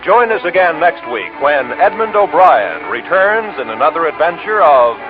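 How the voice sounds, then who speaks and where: A man's voice: a little high, big pitch swings, normal speed. A man giving formal scripted announcements and credits, heard from an old broadcast disc transcription. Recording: tinny old radio disc with music behind.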